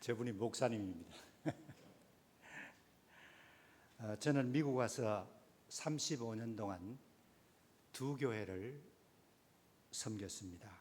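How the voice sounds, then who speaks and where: A man in his sixties, a pastor, speaking in a relaxed, conversational way. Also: lowish voice, takes it slowly, pauses often, big-room sound. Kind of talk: sermon.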